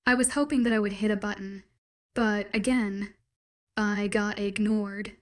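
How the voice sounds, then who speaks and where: Female narrator, mid pitch, wry conversational audiobook read. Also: steady tone, measured pace. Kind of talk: first-person audiobook narration.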